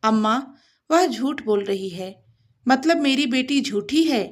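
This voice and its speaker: A woman's voice: on the high side, expressive, slow. A woman voicing a stern elderly mother-in-law who speaks harshly.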